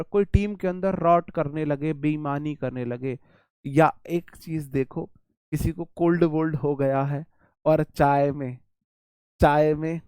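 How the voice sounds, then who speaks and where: A man with an Indian accent teaching a vocabulary lesson for exam students, animated and repetitive, with chatty asides. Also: a little high, no echo, clean studio sound.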